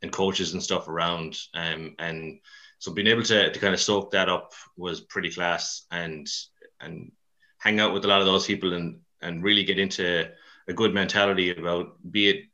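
A man's voice: low-pitched, fairly even intonation, moderate pace, pushed and bright, highs cut off. A man with a west of Ireland accent chatting casually in an interview, rambling and colloquial, with a self-deprecating touch. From Mayo and Dublin, Ireland. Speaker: CrossFit coach, podcast guest.

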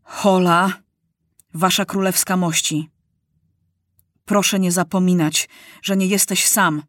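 A woman's voice: on the low side, fairly even intonation, slow pace, dry recording, studio quality. A woman reading aloud, voicing a sad, grave king who speaks firmly to a younger ruler.

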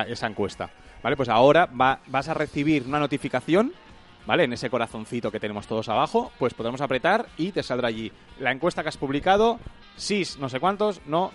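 Guy cohosting a tech podcast, mid pitch, rambles thru app features, faint music under. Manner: explains with many fillers and repeated words. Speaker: podcast co-host. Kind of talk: casual tech chat.

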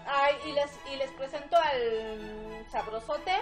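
High-voiced giggly Mexican co-host. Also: female voice, takes it slowly, soft background music. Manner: giggly, teasing. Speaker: podcast co-host. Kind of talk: comedic podcast banter.

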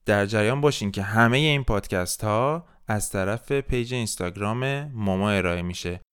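A man hosting a podcast language lesson, explaining steadily and repeating example sentences slowly and clearly. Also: on the low side, fairly bright tone. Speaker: French teacher, podcast host.

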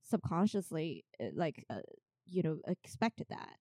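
A young woman from China chats casually as an interview guest, animatedly telling stories and acting out bits of reported dialogue. Her voice is low and unhurried, captured in a dry, studio-quality recording.

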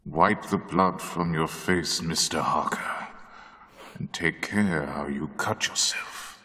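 A man playing an ancient, menacing male vampire count in an old-time radio drama, slow, courtly and sinister. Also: a bass voice, pushed and bright, long reverb tail, heavily acted. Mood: sinister courtesy.

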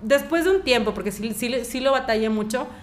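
A woman's voice: on the high side, expressive, brisk. A Mexican woman speaking as an interview guest, talking at length with many fillers and acting out remembered conversations. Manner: talkative, fillers, acts out quoted exchanges.

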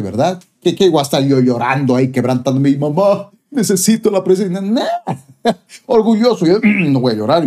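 A man's voice: a little high, warm tone. A man preaching a personal testimony, telling a story with frequent chuckles to his congregation. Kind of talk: testimony sermon.

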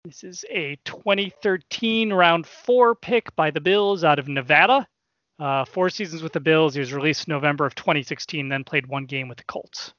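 A man's voice: on the high side, normal speed, fairly bright tone, no room sound, muffled recording. A man hosting a casual sports podcast, reading out old headlines as quiz clues and teasing the guessers. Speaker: podcast host running a trivia quiz.

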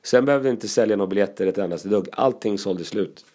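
Man, comedian, casual anecdotes, fairly low voice, lively asides and laughter.

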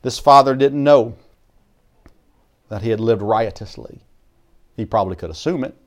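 A male pastor delivers a sermon in an earnest, unpolished way, stumbling over restarts as he goes. His mid-range voice swings between loud, stressed lines and soft, low asides. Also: moderate pace. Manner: earnest preaching with frequent restarts, shifting between loud emphasis and quiet asides.

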